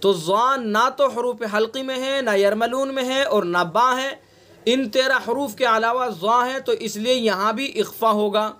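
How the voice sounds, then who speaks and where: A man with a Delhi Urdu accent leads an online class on Quran recitation. His voice sits high and he moves at a slow, deliberate pace. He repeats each example patiently, drawing the nasal sounds out long. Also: a bit bright. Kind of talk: online tajweed lesson. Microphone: online class recording.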